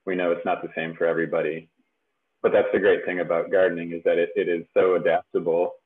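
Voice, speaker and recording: A man presenting in a casual webinar from home with a headset, relaxed and chatty with many fillers. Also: deep voice, fast. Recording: tinny phone-like webinar audio.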